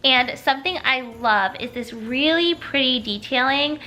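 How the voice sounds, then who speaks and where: On poor audio, a sick home decor vlogger talks at a measured pace in a high, pushed, bright voice. She's chatty and upbeat in her casual video, though congestion makes her sound nasal.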